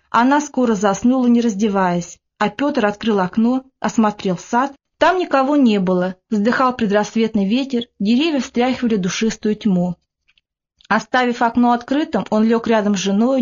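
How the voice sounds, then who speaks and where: A woman narrating classic prose in a measured, even reading. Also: fairly high pitch, lo-fi sound. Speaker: audiobook narrator.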